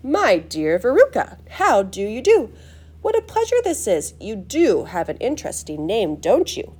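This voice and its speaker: In a high, fluty voice, a woman performs a storybook's eccentric, excitable elderly factory owner, pouring out gushing, effusive exclamations.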